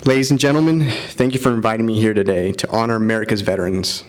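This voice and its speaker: A man's voice: lowish voice, steady tone, fast talker. A man in his thirties from Florida, an army officer giving an earnest ceremonial keynote speech with frequent fillers.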